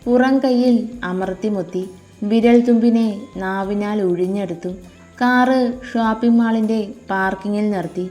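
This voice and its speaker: A woman narrating a romance story in a calm, even storytelling manner. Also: medium pitch, a little slow, soft background music.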